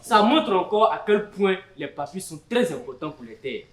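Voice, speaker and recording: An actor playing a patient village chief who mediates a land dispute, speaking with calm authority in Ivorian French. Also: male voice, high voice, moderate pace, echoey room. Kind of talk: community theatre acting.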